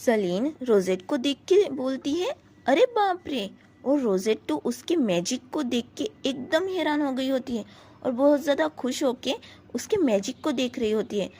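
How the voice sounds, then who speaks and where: A woman's voice: high-pitched, animated, moderate pace, dark tone, breathy edge. A woman retelling a story as a narrator, speaking plainly and addressing viewers as friends. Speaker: story explainer.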